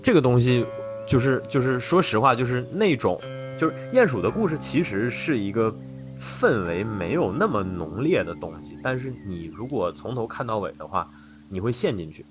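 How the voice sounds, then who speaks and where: A man's voice: medium pitch, very animated, normal speed, over music. A man co-hosting a casual podcast discussion, musing reflectively with hesitations and fillers. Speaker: podcast co-host.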